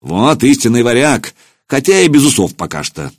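A man playing a gruff old warrior. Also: medium pitch, big pitch swings, moderate pace, dry recording, studio quality, voice pushed up. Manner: gruff, barking.

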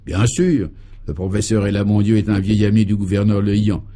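Low, mellow deadpan male narrator. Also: quick pace. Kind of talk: scripted radio narration.

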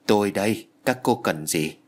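A man doing a gruff, ominous old shaman. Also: lively intonation, lightly acted. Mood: curt. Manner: slow, low, foreboding pronouncements. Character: gruff aging male village shaman, curt and ominous.

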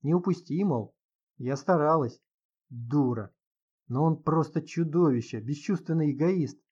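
A man's voice: a little high, a little slow, a little mellow, husky. Casual: guy doing a bitter young woman, sneery, dull lo-fi sound. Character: young woman, resentful, bitter former model.

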